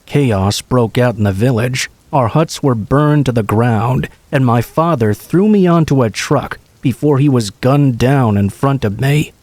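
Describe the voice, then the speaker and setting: A man reading true scary stories aloud in the first person, in an even storytelling way. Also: mid-range voice, unhurried, hardly any pauses, dry recording. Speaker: horror story narrator.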